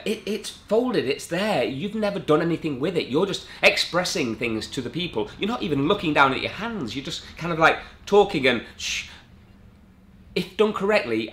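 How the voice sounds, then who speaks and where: A man reviewing a magic product in a casual, rambling way, full of asides. His voice is bright and forceful, and it rises and falls a lot. The room around him is echoey. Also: on the high side. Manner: chatty, rambling, enthusiastic asides.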